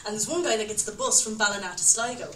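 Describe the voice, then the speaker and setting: At a live storytelling night, a young Irish woman tells a rambling story in a mid-range voice that's fast, bright and forceful. She laughs often and keeps interrupting herself with "like" and asides. The mic is at a distance in an echoey room, with the audience audible over slight background noise.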